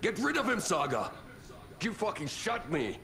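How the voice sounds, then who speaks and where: An actor playing a furious trapped male cult leader in a video game, shouting curses and threats. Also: high voice, wildly swooping pitch, normal speed, full character voice. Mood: enraged. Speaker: game character.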